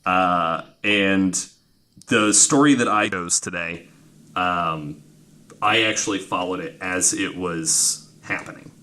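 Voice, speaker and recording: The twentysomething podcast host has a low-sitting, bright voice with a forceful tone and a slow delivery. He swears freely and scatters filler "like"s through his informal, conversational storytelling.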